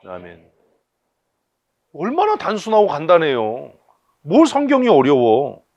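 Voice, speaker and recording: Male preacher, animated swooping delivery, blunt colloquial sermon, rhetorical questions, dry close sound. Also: fairly high pitch, a little slow, dry recording, dull audio. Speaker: pastor. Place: church service.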